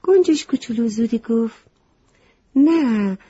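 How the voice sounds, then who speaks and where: Woman, children's story reading, gentle, speaks to children, warm voice, dull sound. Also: fairly low pitch, expressive, breathy edge, dry recording. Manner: gentle, addresses children directly. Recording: slightly muffled lo-fi recording.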